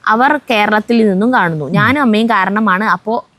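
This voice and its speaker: A woman co-hosting a family vlog, reading viewer comments aloud in a steady voice and breaking off now and then to chat and joke, outdoors at home on a windy day. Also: medium pitch, moderate pace, no echo.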